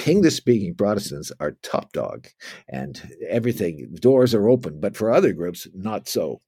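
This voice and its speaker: A man's voice: lowish voice, darkish tone, breathy edge, no room sound. A man giving an informal history lecture, rambling with restarts and asides.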